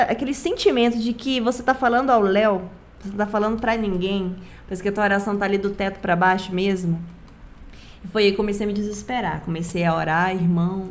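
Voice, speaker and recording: A young adult woman from Rondônia sharing an emphatic personal faith testimony as a guest, repeating phrases for stress. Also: mid-range voice. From Rondônia, Brazil. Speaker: guest, youth church leader.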